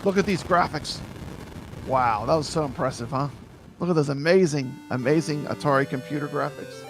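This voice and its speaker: A man's voice: a little high, normal speed, music in the background. A man hosting a casual live chat, showing retro games with eager, rambling talk. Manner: enthusiastic, rambling, repeats words. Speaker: host reviewing a retro console. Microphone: streaming with camera.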